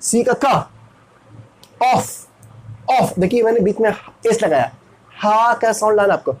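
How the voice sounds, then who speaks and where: A man's voice: high voice, measured pace, slight background noise, rough recording. A man with an Indian accent teaching English pronunciation in Hindi, asking and answering his own questions as he spells words out letter by letter. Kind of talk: explaining lesson.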